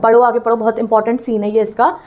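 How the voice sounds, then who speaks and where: A young woman teacher reading English lines slowly and explaining them in Hindi mixed with English, sometimes acting out the bird's thoughts. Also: fairly high pitch. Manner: lively, acts out the bird's thoughts. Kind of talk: explaining a textbook story to students.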